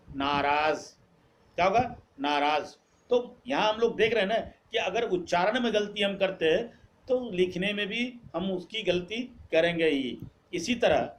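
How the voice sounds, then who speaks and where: A man teaching a grammar lesson, asking the class questions, then answering them and repeating the key words. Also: sits high. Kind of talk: classroom-style lesson, quizzing students.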